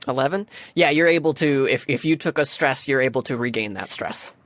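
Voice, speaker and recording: A woman's voice: extremely low pitch, a little fast. A woman narrating a tabletop game as game master, chatty, with many fillers.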